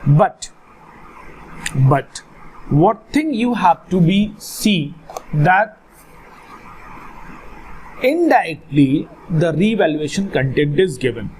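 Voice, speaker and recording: This accountancy teacher has a North Indian accent and a slightly high, lively voice with a darkish tone, speaking slowly and pausing often. He repeats phrases and fires questions at his student, slipping Hindi words into the call-and-response lesson. There's clearly noise in the background.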